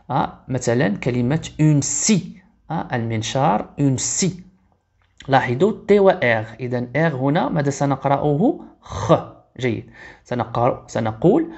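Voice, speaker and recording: A man with a Maghrebi Arabic accent teaching French reading and pronunciation, explaining in Arabic and saying each French word slowly twice. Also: medium pitch, creaky, a little mellow. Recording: slightly dull lo-fi sound.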